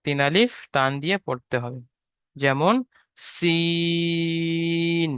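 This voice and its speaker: A man's voice: fairly high pitch, moderate pace, bright, forceful tone, smooth, dry recording. A man teaching Quran letter sounds patiently, repeating each point and drawing out every sound. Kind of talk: step-by-step online lesson.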